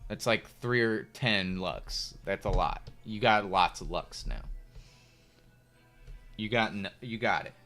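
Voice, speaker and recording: Faint background music accompanies a young American man's laid-back chess-stream chatter. His voice is fairly low and sharp in tone, his pace slow, and he rambles casually with plenty of fillers.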